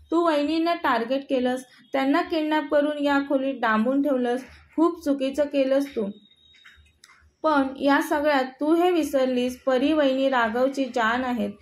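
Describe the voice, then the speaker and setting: A woman's voice: high-pitched, measured pace. A woman voicing a young man, a blunt friend who scolds a woman for what she did. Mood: scolding.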